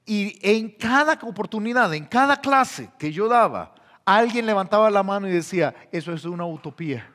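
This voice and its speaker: Pastor guy preaching, kinda high voice, lively, does the voices of people he quotes, big hall echo. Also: moderate pace. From El Salvador. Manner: animated, acts out quoted voices. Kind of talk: sermon. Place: church hall.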